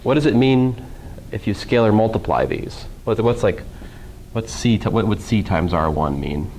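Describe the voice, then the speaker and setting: A man's voice: fairly low pitch, lively intonation, normal speed, a little mellow, a little hiss or hum, poor audio. A man teaching a college calculus class in a casual lecture style, with dry sarcastic humor and questions tossed to the students. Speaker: math professor.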